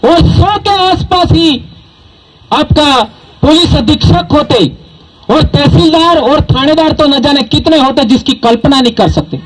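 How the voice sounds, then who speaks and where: Speaking a little slowly, a high-voiced community speaker from southern Rajasthan, India, stirs up an audience at a public event from the stage. Bhili is his first language, and his style is emphatic, full of rhetorical questions aimed at the crowd. The audio is poor.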